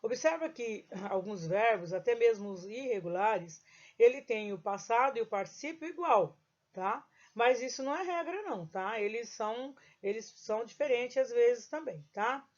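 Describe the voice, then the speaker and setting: A woman who speaks Portuguese natively, teaching English grammar in a recorded lesson. She explains patiently, reads the English example sentences slowly and keeps checking that the listener is following. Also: on the high side, lively intonation. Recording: dull lo-fi recording.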